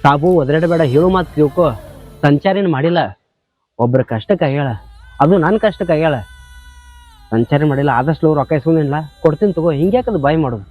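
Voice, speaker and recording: An actor playing an indebted young tractor driver, speaking with a North Karnataka accent in a defensive, pleading way. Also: male voice, a little high, fast talker, long pauses, darkish tone, lightly acted. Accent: North Karnataka Kannada. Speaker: tractor driver in a village drama. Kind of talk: short-film acting. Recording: slightly dull audio, faint music.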